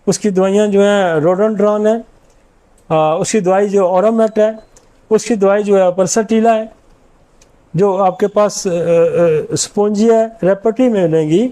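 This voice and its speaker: A man's voice: sits high, fairly even intonation, warm tone. A middle-aged man, a homeopathic doctor, giving an informal lecture and confidently rattling off long lists of remedies.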